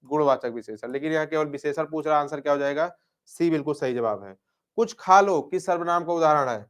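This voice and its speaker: A man's voice: fairly high pitch, brisk, clear, resonant tone. A male Hindi grammar teacher working through exam questions, repeating each answer and asking and then answering his own questions. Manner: repeats answers, asks "क्या?" and answers himself; calls students affectionate nicknames.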